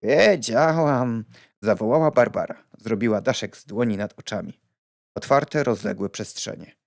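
A man narrating an audiobook in an expressive storytelling manner. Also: on the low side, moderate pace, no room sound, studio quality. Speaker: audiobook reader.

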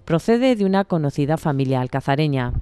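A woman narrating a scripted news report in a measured, even way. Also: low voice, clear, resonant tone.

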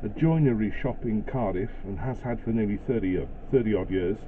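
A man's voice: on the low side, brisk. A middle-aged man hosting a woodworking channel, talking casually through his plans in a small home workshop, with plenty of ums and uhs. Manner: chatty, hesitant with fillers. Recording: tinny phone-like sound with faint noise.

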